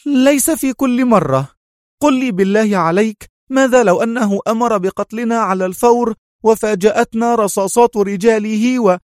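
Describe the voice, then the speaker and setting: A man voicing a tense, sharp-tongued young woman agent who speaks in an agitated, indignant way. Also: very high voice, big pitch swings, normal speed, dry recording, studio quality, voice pushed up.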